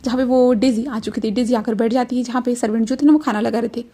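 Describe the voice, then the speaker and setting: Woman telling a fanfic story super quick, kinda mellow low tone, lots of fillers, mix. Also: slight background noise. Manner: chatty, fillers like "jo hai na", retells dialogue in a flat voice. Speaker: storyteller reading fan fiction. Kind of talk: casual story narration with quoted dialogue.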